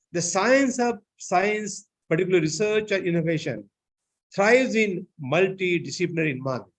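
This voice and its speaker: A man giving an online seminar lecture, often filling pauses with "I think, you know". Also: high voice. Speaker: seminar speaker.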